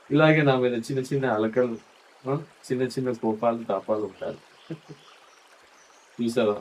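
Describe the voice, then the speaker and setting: Middle-aged man, warm mellow timbre, tender scripted monologue to a spouse. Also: lowish voice, a little hiss or hum. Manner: tender, intimate, coaxing tone addressed to a spouse. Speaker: storyteller speaking as a husband.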